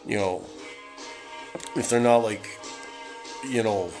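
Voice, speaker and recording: Low-voiced man ranting over music. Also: fairly even intonation, slow pace, low-quality recording. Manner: swears constantly, heated and rambling. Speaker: solo podcaster ranting. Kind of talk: casual profane rant. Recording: music playing in the background. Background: music from a record player.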